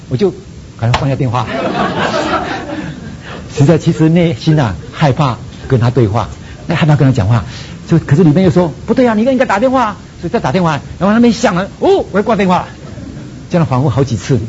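A man with a Taiwanese Mandarin accent, a seminary president telling his own story in a sermon and acting out his prayers. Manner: animated storytelling, acts out prayers. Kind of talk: sermon testimony. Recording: dull lo-fi sound with faint rumble.

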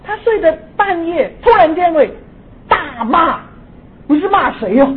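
A woman in her sixties telling a personal ghost story, moving between hushed and excited. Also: extremely high pitch, measured pace. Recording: tinny phone-like audio with faint hiss.

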